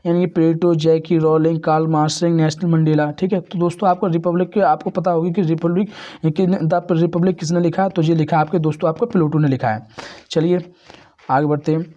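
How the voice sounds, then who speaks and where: A man's voice: a little high, steady tone, fairly quick, mellow, lo-fi sound. A man giving an exam-prep lesson as a tutor, repeating each answer and often calling the listeners friends.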